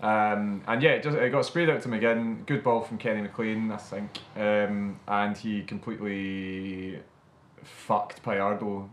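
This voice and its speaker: A man's voice: on the low side, steady tone, takes it slowly. A man chatting casually about football on a podcast, laid-back and dry, swearing now and then. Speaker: podcast co-host. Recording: echoey room with faint noise.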